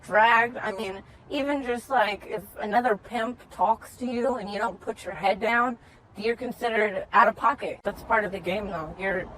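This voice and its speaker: A woman's voice: medium pitch, moderate pace, fairly bright tone, a little hiss or hum, poor audio. Woman with an electronically disguised voice. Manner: blunt, matter-of-fact, informal with fillers. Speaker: anonymous interviewee. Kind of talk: candid news interview soundbites.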